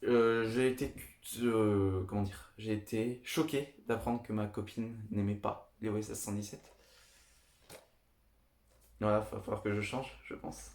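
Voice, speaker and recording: A young man with a lowish voice talks through his favourite films in a casual, eager monologue. He repeats himself often and gushes about what he likes. His voice rings in an echoey room. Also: fairly even intonation, measured pace, a little mellow. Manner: enthusiastic, repetitive, chatty. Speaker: video host. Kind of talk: casual film review monologue.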